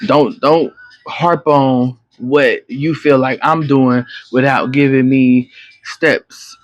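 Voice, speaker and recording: A man's voice: medium pitch, fairly even intonation, takes it slowly, no room sound. A man giving a casual spoken tarot reading, rambling and profane, full of fillers and restarts, on a slightly muffled lo-fi recording. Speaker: tarot reader.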